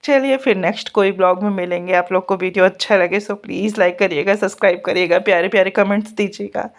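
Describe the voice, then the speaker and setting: Talking fast in a steady, medium-pitched voice, a mother in her thirties gets her kids ready on a home vlog, chatting casually and laughing often.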